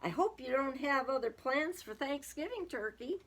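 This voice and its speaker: A woman's voice: high voice, animated, normal speed, a little hiss or hum, voice pushed up. A woman voicing a polite, insistent, hearty male moose who calls out in a children's storybook. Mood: polite, pleased. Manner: calls out loudly, exclaims. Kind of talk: children's storybook read-aloud.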